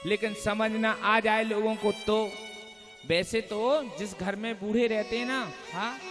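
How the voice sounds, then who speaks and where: Very high-voiced preacher in a reverberant hall. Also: male voice, fairly even intonation, a little slow. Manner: call-and-response, rhetorical questions, folksy storytelling. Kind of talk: devotional storytelling discourse. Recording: reverberant hall with live music.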